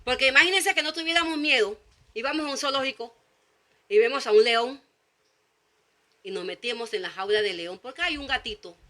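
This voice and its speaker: Bright-voiced woman preaching a sermon. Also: sits high, brisk, pauses often. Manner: emphatic repetition, acts out quoted dialogue.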